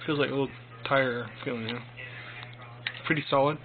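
A young man, an amateur headphone reviewer, rambles through a casual product review on a handheld phone in a small room at home. His medium-pitched voice keeps a steady tone while his delivery is halting and informal. The phone mic gives a tinny sound with clear noise.

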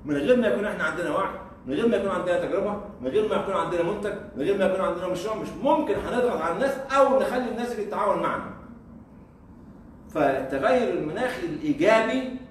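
This Egyptian man's high, expressive voice races along as he gives an informal university lecture with an Egyptian Arabic accent. As a guest lecturer, he throws out rhetorical questions, says things twice and chuckles. A distant mic captures echo and faint noise.

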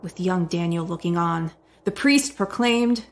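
A woman narrating a dramatic horror story from a script, often dropping into hushed whispers. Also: fairly low pitch, unhurried.

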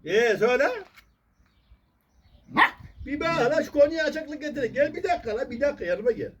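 Man, farmer, high sing-song voice, teasing a puppy, barking and loud noise behind. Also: lively intonation, moderate pace. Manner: playful, teasing, coaxing talk to a puppy. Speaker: farmer talking to his puppy. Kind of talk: casual vlog, talking to a dog.

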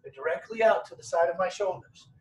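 A man's voice: high-pitched, quick pace, darkish tone. A man in his fifties explaining workout moves step by step as a fitness coach. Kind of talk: instructional workout demonstration. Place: hard-walled home gym or patio workout space. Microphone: camera a few metres away. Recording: roomy, distant mic with background noise.

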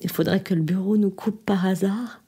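A woman's voice: medium pitch, steady tone, moderate pace, mellow, husky, lightly acted. An actress reading a theatre monologue as a desperate woman pleading on the phone with her departing lover, often sinking to a trembling whisper. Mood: tender, heartbroken.

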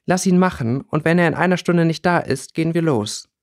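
A man voicing a calm, knowing and playful young woman in an audiobook reading. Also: on the high side, brisk, dry recording, studio quality, pitched above the performer's own voice, lightly acted. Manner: calm, teasing.

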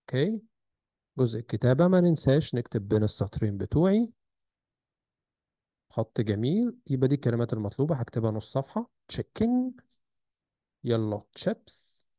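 A man's voice: medium pitch, very animated, a little fast, warm tone, no room sound. A man with an Egyptian Arabic accent, teaching a recorded textbook lesson and spelling out sounds and words carefully. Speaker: English teacher.

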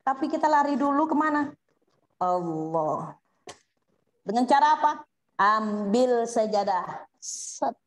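A woman's voice: high-pitched, normal speed. A woman teaching a study circle for mothers, asking them questions and acting out heartfelt prayers. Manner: addresses listeners as Bunda, asks questions. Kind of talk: Islamic study circle talk. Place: women's study gathering.

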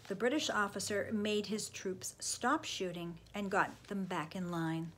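A woman reading a children's book aloud, expressive, often dropping into a hushed whisper. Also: medium pitch, unhurried, slight background noise. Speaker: storybook reader.

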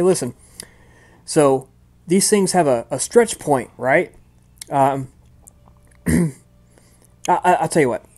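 A man's voice: mid-range voice, lightly acted. A man doing a breezy, callous female vampire anatomist. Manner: breezy, matter-of-fact, mockingly gentle.

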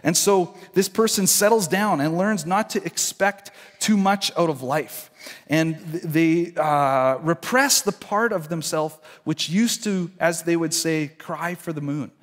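A man delivers a sermon in an earnest, conversational way, restarting phrases as he goes. His voice sits a bit high for a man. It rings out in a church hall with a long reverb tail. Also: unhurried. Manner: earnest, conversational preaching with restarts and acted quotes. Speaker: pastor. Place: church sanctuary.

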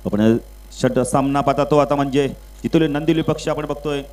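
A man giving live play-by-play commentary at an outdoor local cricket match over a public address microphone, getting louder and higher on runs and wickets and calmer between balls, with English cricket terms mixed in. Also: moderate pace, poor audio. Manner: mixes English cricket terms into his talk.

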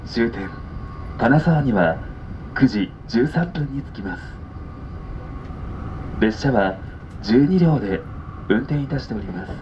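A male train conductor with a Japanese accent gives formal onboard announcements in clipped, measured segments. His pace is unhurried, and he comes through a dull public-address speaker with loud train noise all around. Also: medium pitch, animated. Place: inside a moving express train, over the speakers. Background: loud train running noise.

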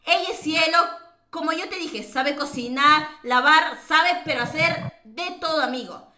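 Streaming a game from Peru, this female host chats and teases in Peruvian Spanish, laughing often and filling her speech with fillers. She talks at a measured pace in a high, sharp voice, and the room echoes around her.

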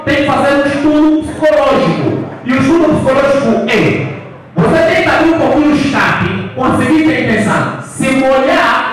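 A man in his thirties performing stand-up comedy on an outdoor stage, with theatrical, emphatic delivery and drawn-out phrases. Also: very high-pitched. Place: open-air stage at night. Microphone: handheld stage microphone. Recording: echoey PA, distant, music and crowd behind.

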